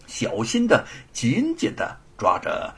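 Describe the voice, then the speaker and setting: Raspy, animated male storyteller. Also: mid-range voice, slow pace. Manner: dramatic, animated narration. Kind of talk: traditional spoken storytelling.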